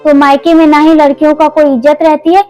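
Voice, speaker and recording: A woman's voice: sits high, flat delivery, fairly quick, dark tone, soft background music, lightly acted. A woman playing a young daughter who has come back to her mother's home, talking earnestly and firmly in a family drama. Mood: resolute. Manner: earnest, pleading then resolute. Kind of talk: Hindi family drama acting.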